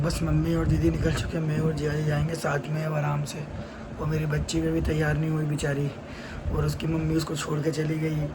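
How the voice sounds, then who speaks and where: A young man chats casually into his phone camera at home, doubling words as he goes. His voice sits fairly high. Loud background noise runs under the phone recording. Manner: chatty, repeats words in pairs. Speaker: vlogger. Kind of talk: casual vlog chat. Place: family home on a rainy day.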